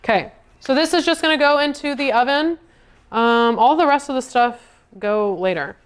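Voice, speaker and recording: A woman's voice: sits high, normal speed, clear, resonant tone. A woman livestreaming from her home kitchen, chatting to viewers while she cooks. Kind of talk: casual livestream chat.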